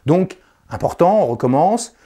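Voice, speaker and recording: Lively, high-voiced man coaching voice. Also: a little slow. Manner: animated, shifts between loud declarations and soft confidential tones; encouraging, addresses the viewer directly. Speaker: speaking coach. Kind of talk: vocal coaching exercises.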